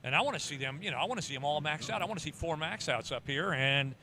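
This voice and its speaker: A man's voice: a little high, expressive, fast. A man in his fifties doing live esports commentary as a guest, chatty and self-deprecating, often restarting his sentences. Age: 50s. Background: crowd noise.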